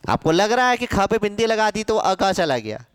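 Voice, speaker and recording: A male Hindi teacher giving a grammar lesson to a class, asking questions and answering them himself, sounding out syllables slowly. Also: high voice, sing-song, clear, resonant tone, no room sound, studio quality. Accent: Hindi, from central India.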